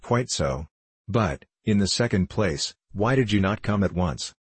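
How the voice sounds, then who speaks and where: Sherlock Holmes, read by a man, measured and lofty. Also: fairly low pitch, expressive, slightly rough, no echo. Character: sharp, bored male detective, lofty and precise.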